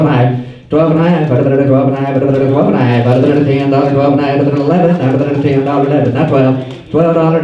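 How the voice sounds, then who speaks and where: A man's voice: mid-range voice, warm tone. A man from Tennessee calling an auction in a clipped chant of repeated numbers. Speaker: auctioneer contestant. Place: stockyard sale barn. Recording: echoey dull barn sound from far off.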